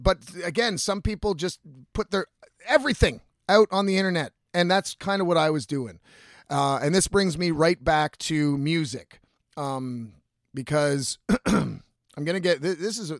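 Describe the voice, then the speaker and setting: On his own podcast, a singer-songwriter in his thirties speaks in a fairly high voice, candidly rambling and cursing without restraint in a casual, confessional way. The studio-quality audio has no echo.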